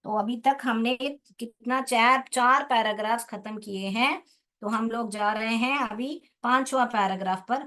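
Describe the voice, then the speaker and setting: Indian lady teacher going over english words in class, slow and careful, spells stuff out, kinda high voice. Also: pushed and bright. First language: Hindi. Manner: spells words slowly, repeats and asks pupils questions. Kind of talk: classroom lesson explanation.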